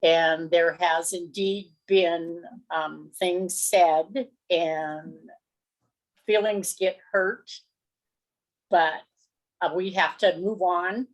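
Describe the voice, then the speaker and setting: A woman county commissioner speaking in a public meeting, measured and halting but firm in her position. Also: on the low side, steady tone, low-quality recording.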